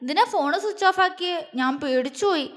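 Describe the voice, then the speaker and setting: A woman voicing a timid, naive young woman who speaks hesitantly and pleads softly in an audio story. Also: high voice, lively intonation, normal speed, in a large hall. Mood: tearful.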